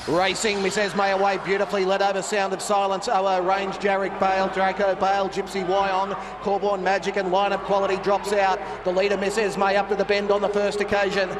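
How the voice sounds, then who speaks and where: A man's voice: sits high, monotone, brisk, hardly any pauses, crowd noise. A man calling a greyhound race in live commentary. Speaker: race caller. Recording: clearly noisy trackside broadcast.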